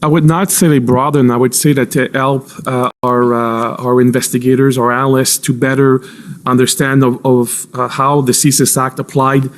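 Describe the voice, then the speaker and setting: Even-toned male official testifying, careful and halting. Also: medium pitch. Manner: careful, halting, hedged with frequent pauses and repeats. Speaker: intelligence agency official testifying as witness. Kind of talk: formal testimony under cross-examination. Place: formal public inquiry hearing.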